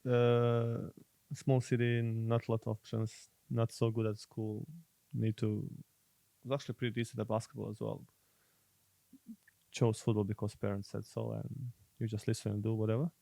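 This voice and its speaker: A young Croatian man speaks English with a Croatian accent, stopping and repeating words as he hunts for them. His low, gravelly voice stays flat and even. The sound is dry and close to the mic. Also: no echo. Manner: halting, repeats words while searching for English. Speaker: guest footballer. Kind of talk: casual podcast chat.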